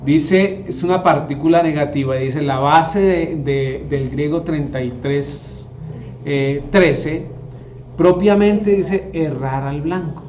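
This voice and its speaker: Guy teaching bible stuff, kinda high voice, keeps asking "right?", roomy echo. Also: slow pace, a little mellow, slight background noise. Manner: asks the audience rhetorical questions. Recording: echoey room.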